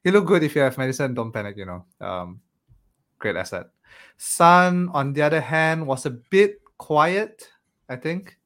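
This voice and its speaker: A man's voice: on the high side, animated, unhurried, fairly bright tone. A man co-hosting a casual fantasy football podcast, thoughtful and hesitant, often checking with "right?". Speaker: podcast co-host. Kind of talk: casual chat.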